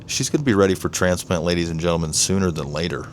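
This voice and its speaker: A man giving an enthusiastic, casual show-and-tell vlog from beside his indoor grow tents, often addressing viewers as "ladies and gentlemen.". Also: low-pitched, quick pace, a little hiss or hum. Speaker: home grower vlogger.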